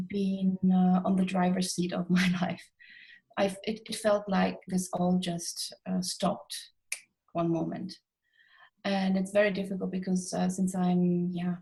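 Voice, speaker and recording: A middle-aged woman, an expat coach, speaks as an interview guest in a reflective, conversational way, her mid-range voice creaky and mellow on a rough recording. She expressively acts out imagined quotes to illustrate her points.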